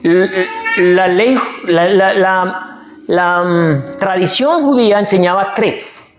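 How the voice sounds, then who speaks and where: A man preaching a sermon as pastor. He reads scripture slowly, then preaches with lively asides to the congregation. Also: high voice, reverberant, over music. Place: church hall.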